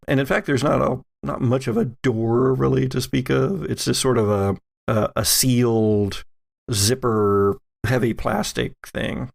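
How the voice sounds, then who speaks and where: A man acts as game master for a tabletop role-playing game, narrating scenes while haltingly searching for words. His voice is mid-range and creaky.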